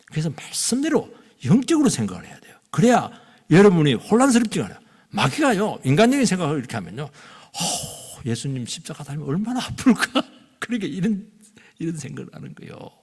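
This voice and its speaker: A middle-aged male pastor preaching a sermon in a church, swinging between loud bursts and hushed asides, sometimes acting out voices. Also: high-pitched, huge pitch swings, quick pace, husky. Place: church sanctuary. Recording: long hall reverb.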